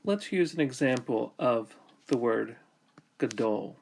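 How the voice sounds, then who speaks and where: Slow, gravelly-voiced male language teacher. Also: mid-range voice, animated, a little mellow. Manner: slow, deliberate, pausing between phrases. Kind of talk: explanatory grammar lesson.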